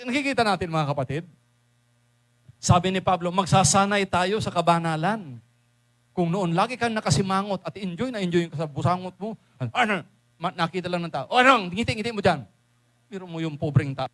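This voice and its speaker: A man with a Filipino accent preaching a sermon, swinging from hushed asides to loud exclamations and mixing English phrases into his talk. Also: high voice.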